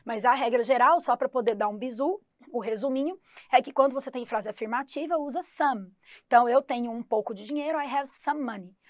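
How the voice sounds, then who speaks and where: Lively high-voiced woman teaching English. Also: dry recording, studio quality. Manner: lively, stresses English words slowly and clearly. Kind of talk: exam-prep English lesson.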